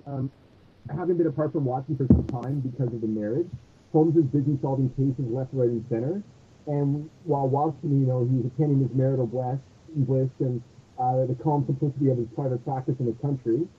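This podcast co-host has a mid-range voice with a breathy edge, rambling casually through a story discussion and restarting often. A bad, phone-like mic muffles him, so he sounds hollow, as though speaking from inside a tunnel.

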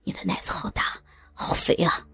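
A woman voicing a pushy, smooth-talking man who speaks in a low, half-whispered coaxing way. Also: big pitch swings, normal speed, darkish tone, faint music behind, heavily acted.

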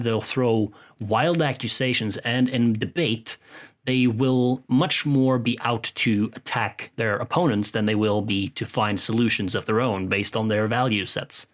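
Man rambling in a low voice. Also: a bit bright. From Norway. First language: Norwegian. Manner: rambling, frank, swears freely, many restarts. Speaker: podcast host. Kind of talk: casual solo monologue.

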